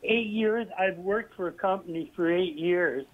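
A man's voice: high voice, unhurried. A man from Toronto calling in to a radio talk show over the telephone, speaking bluntly and bitterly. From Toronto, Canada. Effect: heard over a phone line. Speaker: radio phone-in caller. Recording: tinny telephone line.

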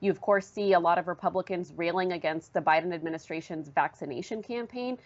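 A woman reporter giving fluent, measured news analysis in an interview. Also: fairly low pitch, dull audio. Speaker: newspaper reporter guest.

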